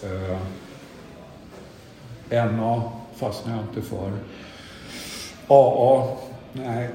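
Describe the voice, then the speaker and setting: A man's voice: medium pitch, dark tone, a little hiss or hum. A middle-aged man tells his own recovery story in a candid, self-deprecating way. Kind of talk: personal testimony talk. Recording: echoey hall with audience.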